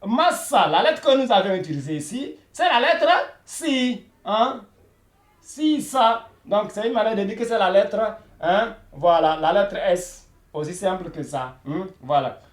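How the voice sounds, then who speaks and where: A man teaching a beginner Arabic lesson who repeats each word slowly and keeps saying "voilà". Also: high voice, expressive, reverberant. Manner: repeats words slowly, many "voilà" fillers.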